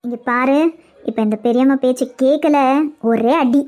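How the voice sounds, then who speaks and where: A woman's voice: high-pitched, steady tone, moderate pace, a little mellow, soft background music, lightly acted. A woman voicing an older aunt in a cartoon, a caring but scolding elder with a Kanyakumari Tamil accent. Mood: bossy, caring. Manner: bossy, coaxing, scolding. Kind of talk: cartoon web series voice acting.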